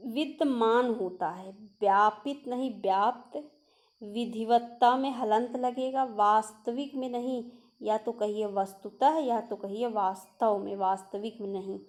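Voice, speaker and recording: A woman's voice: on the high side, fairly even intonation, a little slow. A young woman teaching an exam-prep spelling lesson, going through words one by one and asking rhetorical questions. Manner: drills word by word, asks rhetorical questions. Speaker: Hindi teacher.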